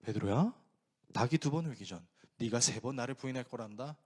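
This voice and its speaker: A pastor voicing a gentle, solemn male teacher in a sermon, calm and tender. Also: medium pitch, a little fast, voice pushed down, natural voice.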